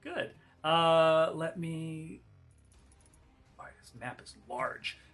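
A man narrating an online tabletop game as game master in a hesitant, halting way. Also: a little high, a bit bright, faint music behind.

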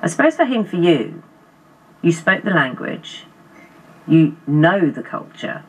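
A woman's voice: on the low side, sing-song, unhurried, a little mellow, breathy edge, rough recording. A woman news presenter interviewing guests in a TV studio. She asks probing questions in long, run-on sentences.

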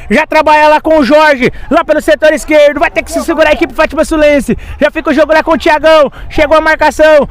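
High-voiced Brazilian football play-by-play man. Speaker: football match commentator. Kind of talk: live play-by-play commentary. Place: small outdoor grass football ground, at the touchline. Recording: outdoor pitch, faint crowd noise.

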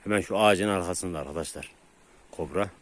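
A man filming his dogs outdoors, talking casually to his viewers and calming the dogs with repeated words. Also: sits low, a little fast, slight background noise. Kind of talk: casual vlog commentary to viewers. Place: outdoors in a rural area.

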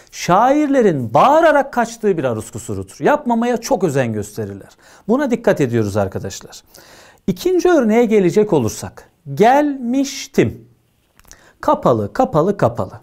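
A man's voice: sits high, huge pitch swings, normal speed, darkish tone. A man lecturing students on poetic meter for an exam, emphatic and often checking that they follow. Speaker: teacher.

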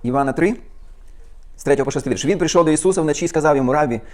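A male pastor preaching at a very fast clip, his voice pitched a little higher than most men's. He fires off rhetorical questions to the congregation and stops to read scripture aloud before commenting on it. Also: darkish tone. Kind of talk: sermon.

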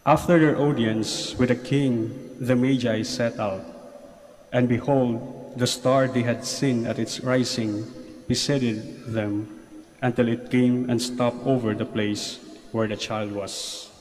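A man's mid-pitched voice gives a solemn Gospel reading as a priest at Mass. The delivery is formal and measured, and long cathedral echo trails the words in a large church. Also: fairly even intonation, a little mellow. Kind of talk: solemn liturgical scripture reading.

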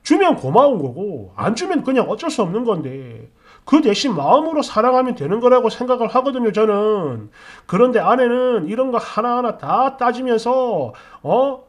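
Animated high-voiced male story narrator. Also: moderate pace. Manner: animated, exasperated retorts with frequent interjections. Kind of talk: dramatized first-person story narration.

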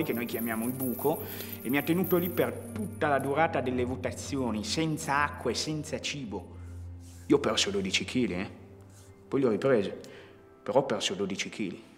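A man's voice: medium pitch, close to an everyday voice. A man playing a hot-tempered former party member in a mockumentary interview, talking bluntly and colloquially. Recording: reverberant room.

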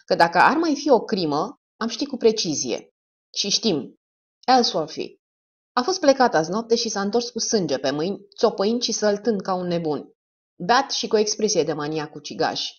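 A woman's voice: medium pitch, big pitch swings, husky, highs cut off. A woman reading the part of a determined young male investigator in an audiobook, speaking firmly and darkly. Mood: grim. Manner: firm, dark-toned.

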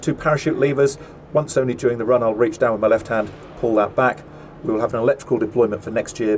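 A middle-aged man, a land speed record driver, gives a methodical, measured cockpit tour with frequent ums and uhs. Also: mid-range voice, mellow, a little hiss or hum. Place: seated in a car cockpit inside a large workshop. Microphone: small camera mounted in the cockpit.

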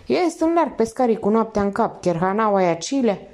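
A desperate male con man on the run lays out his escape plan in urgent slang. A woman voices him in an audiobook reading. Her voice stays mellow and rises and falls a lot. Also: fairly high pitch, big pitch swings, voice pushed up.

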